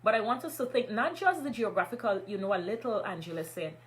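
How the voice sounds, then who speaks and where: A woman's voice: mid-range voice, sing-song, fast talker. Guyanese woman, middle-aged, live stream host, casual chat, motivational. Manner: encouraging, motivational. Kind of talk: casual live chat reading viewer comments.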